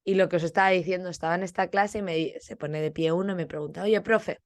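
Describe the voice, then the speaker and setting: A woman's voice: fairly low pitch, fairly even intonation, quick pace, no room sound, studio quality. A young woman teacher from Spain, with a Spanish accent, chatting casually on her podcast and acting out bits of classroom dialogue.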